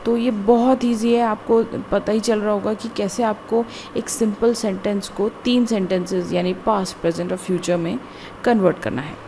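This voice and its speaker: A woman teaching a grammar lesson, explaining slowly and deliberately word by word, with frequent repetition. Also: mid-range voice, fairly even intonation, mellow, a little hiss or hum. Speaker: English teacher. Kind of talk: classroom-style grammar lesson.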